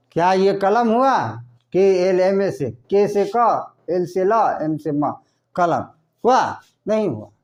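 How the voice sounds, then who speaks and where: A man teaching a lesson in a slow classroom style, asking questions and then answering them himself. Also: sits high, a little mellow. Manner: asks questions and answers them himself, repeating words slowly.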